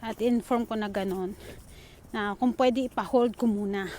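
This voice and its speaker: A woman's voice: mid-range voice, steady tone, a little slow, darkish tone. A woman from the Philippines telling a story to her viewers in a casual, chatty vlog, mixing English words into her talk and calling the audience "guys.". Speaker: vlogger. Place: outdoors in the rain, waiting for a train. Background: rain, wind and passing vehicles.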